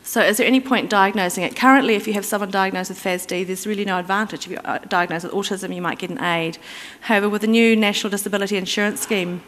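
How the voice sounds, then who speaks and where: A woman's voice: mid-range voice, fairly even intonation, quick pace, hardly any pauses, a bit bright. A woman giving a conference presentation in an explanatory, conversational way, with fillers and restarts. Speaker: conference speaker. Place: conference hall. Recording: reverberant conference hall.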